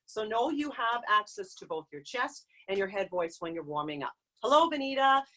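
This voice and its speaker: A woman vocal coach leading a live online group singing lesson, explaining exercises and breaking into loud demonstration hoots and calls. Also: medium pitch, animated, normal speed. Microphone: video call.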